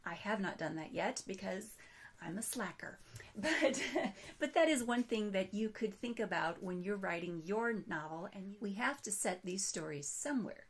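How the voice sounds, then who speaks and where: A woman author who is losing her voice gives a casual recorded presentation, chatty and self-deprecating, with some words coming out breathy and whispered. Her voice is mid-range and animated, at normal speed.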